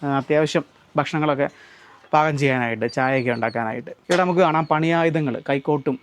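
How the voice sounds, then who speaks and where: കേരളത്തിൽ നിന്നുള്ള ഒരു പുരുഷൻ, മലയാളി ഉച്ചാരണത്തോടെ, ഒരു കൃഷിയിടത്തിൽ നിന്ന് ക്യാമറയോട് സംസാരിച്ച് കാഴ്ചകൾ വിശദീകരിക്കുന്ന vlogger. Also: male voice, a little high, fast, a little hiss or hum. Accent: Malayali. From Kerala. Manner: chatty, explains to viewers and mixes in Tamil words. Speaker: vlogger. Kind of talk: casual walk-through vlog. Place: outdoors on a farm.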